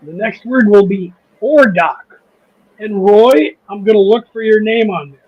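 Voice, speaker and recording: A man's voice: sits high, unhurried, lo-fi sound. A man with a Midwestern accent hosting a casual livestream chat, rambling, restarting sentences and laughing easily. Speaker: host of a model railroad channel.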